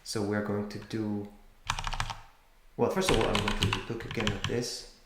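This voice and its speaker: A man's voice: fairly low pitch, little pitch movement, normal speed. A man teaching programming, thinking aloud and correcting himself as he types code in a live tutorial. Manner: thinks aloud while typing, self-correcting. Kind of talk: live-coding tutorial narration. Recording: echoey room with loud keyboard noise. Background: keyboard typing and clicks.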